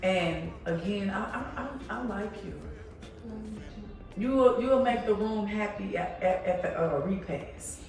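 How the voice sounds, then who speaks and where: An effusive woman over fifty talks warmly and repeats herself in casual chat. She sounds far from the mic in a very echoey room. Faint music plays behind her. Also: medium pitch, measured pace. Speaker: friend on a group trip.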